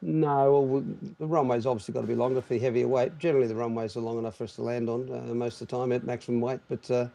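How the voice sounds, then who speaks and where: A man's voice: mid-range voice, little pitch movement, racing, creaky, few pauses, dark tone. A man, a jet-lagged airline pilot, explaining things at length in casual chat with many restarts. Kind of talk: casual chat on a live stream.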